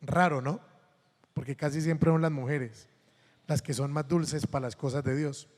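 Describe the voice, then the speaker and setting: A man's voice: fairly high pitch, steady tone, a little slow, a little mellow, big-room sound. A Colombian man, a priest giving a sermon, telling funny anecdotes and acting out the voices of the people in them. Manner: anecdotal, humorous, acts out quoted voices.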